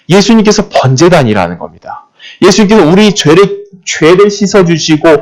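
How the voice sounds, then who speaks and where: A man preaching a sermon, his pitch rising and falling in a lively, animated way. He keeps asking rhetorical questions and repeats key phrases to drive each point home.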